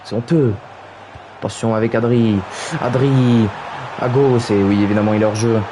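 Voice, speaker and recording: A young man streams his football video game at a moderate pace, giving play-by-play commentary in a low, calm voice that jumps to high, shouted calls on goals. The background is noisy.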